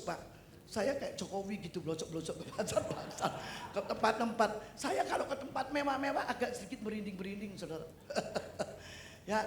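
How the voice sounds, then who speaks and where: A middle-aged woman from East Java, a pastor preaching a sermon in an animated way, with loud exclamations and humorous asides. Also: mid-range voice. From East Java, Indonesia. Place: church service hall. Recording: echoey hall with faint noise.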